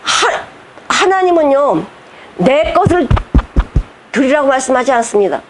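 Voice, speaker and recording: Woman pastor, fervent sermon, fairly high voice, rhetorical questions, faint background hiss. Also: big pitch swings, a little slow. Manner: impassioned preaching, voice catching with emotion.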